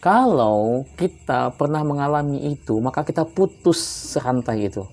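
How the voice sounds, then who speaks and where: A man from Palembang giving religious advice in a relaxed conversational way, often tagging his points with questions. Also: medium pitch, normal speed. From Palembang, South Sumatra. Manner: relaxed and chatty, often adds "ya kan" tag questions. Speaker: Islamic religious teacher.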